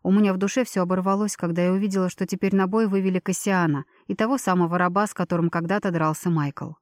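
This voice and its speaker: A woman reading a first-person fantasy novel as a steady audiobook narrator, voicing the dialogue with small lifts. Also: lowish voice, quick pace, no room sound, studio quality.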